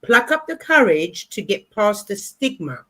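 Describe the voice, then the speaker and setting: Bright, lively woman hosting a stream. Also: medium pitch, measured pace. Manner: steers the talk, laughs easily. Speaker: stream host. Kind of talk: casual livestream panel chat.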